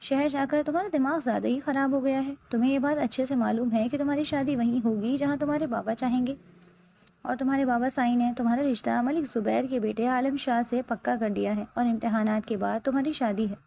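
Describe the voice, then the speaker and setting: A woman's voice: high-pitched, fairly even intonation, vocal fry, mellow, slight background noise. Laila Begum, a woman doing a stern domineering mother. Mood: angry scolding. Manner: domineering, scolding.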